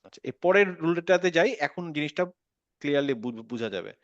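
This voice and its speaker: A man's voice: on the high side, lively intonation, a little fast, no echo, muffled recording. A man teaching a Quran recitation lesson, patiently repeating words and checking that his student follows. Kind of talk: online tajweed lesson.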